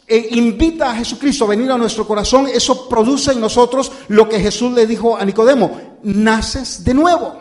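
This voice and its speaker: Speaking in a very high-pitched voice, a male pastor from outside the United States preaches a sermon that feels like a casual chat with the congregation. He calls listeners brothers and uses "usted," and his speech is halting and full of fillers and false starts.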